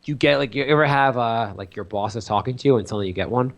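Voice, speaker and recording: A man co-hosting a podcast, chatting casually and telling rambling, animated stories about his two small children with many fillers. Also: medium pitch, fast. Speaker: podcast co-host. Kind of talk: casual chat.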